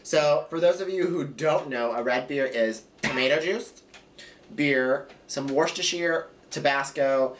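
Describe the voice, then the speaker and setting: A man's voice: a little high, unhurried. A man co-hosting a casual recap show, talking in an easygoing, playful way. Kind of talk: casual chat. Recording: distant mic with faint background noise.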